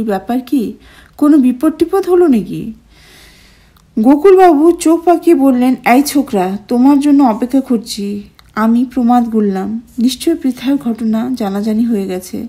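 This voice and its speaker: A woman with a fairly high voice reads a story aloud. Her narration is expressive and keeps a storyteller's pace.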